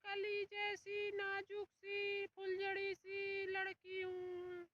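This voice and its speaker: A woman voicing a quarrelsome old mother-in-law who loves to stir up fights, calling out in a drawn-out wail. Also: very high-pitched, completely flat delivery, far from the mic, highs cut off, exaggerated voice. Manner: wailing, drawn-out shouting. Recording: loud background noise.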